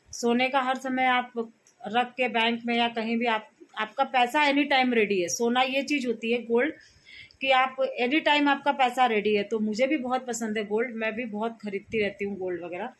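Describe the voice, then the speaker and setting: A woman's voice: a little high, a little hiss or hum. A woman vlogger in her thirties telling a rambling personal story to her viewers in a casual, chatty way. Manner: chatty, rambling, frequent fillers and restarts.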